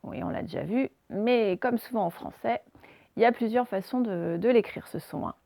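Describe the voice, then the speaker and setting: Primary teacher, woman, gravelly tone, dry close sound, patient and deliberate with young learners. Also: fairly high pitch, animated, mellow, dry recording. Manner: slow, carefully articulated words for dictation. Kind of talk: remote phonics lesson for young children.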